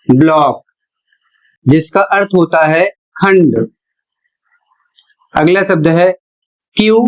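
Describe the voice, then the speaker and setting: A male teacher giving a classroom-style lesson, deliberate and spelling things out letter by letter with pauses. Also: a little high, poor audio.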